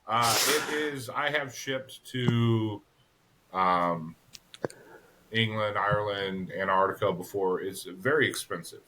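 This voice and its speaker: A man's voice: lowish voice, slow pace, pauses often, noisy background. A man guesting on a podcast, speaking hesitantly with many fillers in casual chat.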